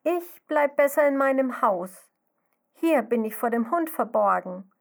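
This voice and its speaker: A woman's voice: sits high, expressive, unhurried, voice pushed up. A woman voicing a timid, frightened baby snail girl in a children's story, refusing with fearful insistence. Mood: scared.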